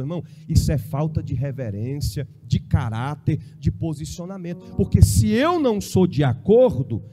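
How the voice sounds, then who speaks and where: Impassioned male preacher, high and lively. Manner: impassioned, swings from soft mocking impressions to shouting. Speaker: bishop preaching. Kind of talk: sermon.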